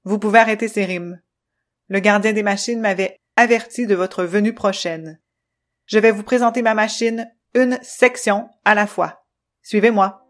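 A woman voicing a strict, controlling male machine character who speaks in a jerky, choppy, robot-like way, loud and clipped, in a children's storybook. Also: mid-range voice, moderate pace, lightly acted. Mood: formal.

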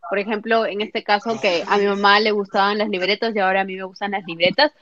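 A woman's voice: medium pitch, level tone, fast talker, noisy background. A young woman with a Peruvian Spanish accent co-hosting a podcast, telling self-mocking stories in casual chat. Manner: chatty, self-mocking storyteller. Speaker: podcast co-host. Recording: dull lo-fi dry mic.

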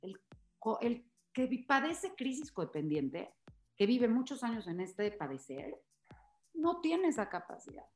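A woman's voice: fairly high pitch, big pitch swings, a little slow, darkish tone, roomy sound, faint music behind. A woman host, explaining things earnestly and with emphasis in a conversational interview.

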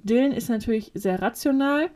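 A woman's voice: a little high, a little fast, a little mellow. A young woman co-hosting a casual podcast chat, telling a story animatedly and acting out quotes. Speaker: podcast co-host.

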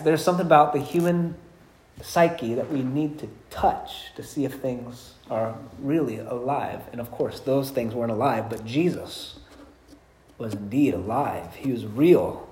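A man's voice: medium pitch, a little mellow. A man preaching a sermon as pastor, telling stories with humor and acting out the quotes. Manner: storytelling, acts out quotes with humor. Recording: echoey room.

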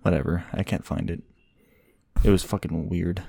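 A man's voice: sits low, fairly even intonation, normal speed, gravelly, mellow, husky, no room sound, studio quality. A young man co-hosting a casual podcast chat, rambling, swearing often and laughing. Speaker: podcast co-host.

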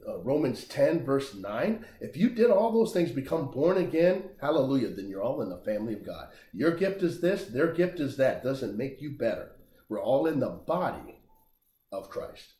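A man preaching a sermon, emphatic and animated, rising and dropping his voice for effect. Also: medium pitch, reverberant. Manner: animated, emphatic preaching with big swings in loudness.

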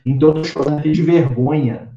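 A gentle old doctor speaks softly and earnestly, humble and pleading, as a man quotes him while telling a story. The voice sits a little high and comes from far off in an echoey room with a dull tone. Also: quick pace, slight background noise, close to an everyday voice. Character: humble elderly male doctor, gentle and ashamed. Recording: roomy, distant, dull sound.

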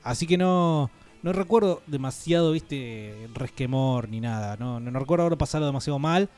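A man with an Argentine Spanish accent, co-hosting a radio show in casual, relaxed chat, telling stories and trailing off softly. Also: medium pitch, normal speed, soft background music.

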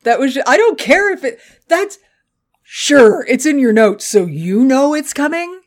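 Animated woman co-hosting a podcast. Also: sits high, a little slow. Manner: animated, profane and joking. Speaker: podcast co-host. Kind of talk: casual chat recapping a cartoon episode.

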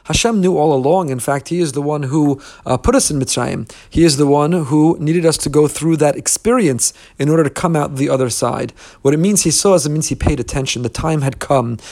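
A man's voice: on the high side, a little fast, hardly any pauses, darkish tone. A middle-aged man giving an audio lesson on prayer, explaining earnestly with rhetorical questions and Hebrew terms. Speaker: rabbi teaching prayer.

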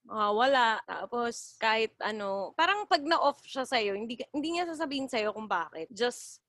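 A young woman chatting casually with friends, playful and quick to laugh and agree. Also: on the high side, lively intonation, a bit bright, no echo, clean studio sound. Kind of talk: casual chat among friends.

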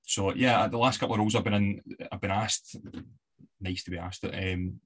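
In a casual interview chat, a podcast guest from the west of Scotland tells stories with relaxed fillers and laughter. His low voice is husky and steady, at normal speed.

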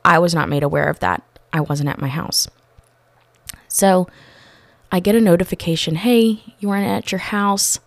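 Brief: woman, lowish pitch, heartfelt testimony, acts out dialogue, dry close sound. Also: normal speed, no echo. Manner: earnest, animated retelling with quoted dialogue; many restarts and fillers. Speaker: storyteller sharing a faith testimony. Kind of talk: casual personal testimony.

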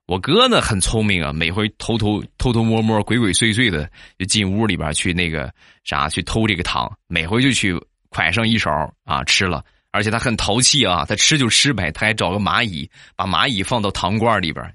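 A man's voice: fairly low pitch, bright, forceful tone, no echo, studio quality. A man from Shandong telling funny personal anecdotes in a chatty way and often asking listeners to agree. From Shandong, China. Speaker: comic storyteller. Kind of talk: comic anecdote narration.

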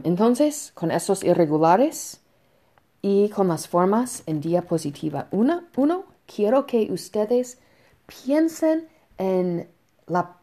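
A woman teaching a Spanish lesson to students, explaining slowly and patiently with soft fillers between points. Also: fairly low pitch. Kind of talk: recorded online lesson.

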